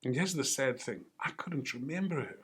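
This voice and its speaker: A man's voice: medium pitch, expressive, moderate pace, a bit bright, breathy edge. A man giving an earnest, encouraging motivational talk to teachers and telling stories along the way. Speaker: motivational speaker.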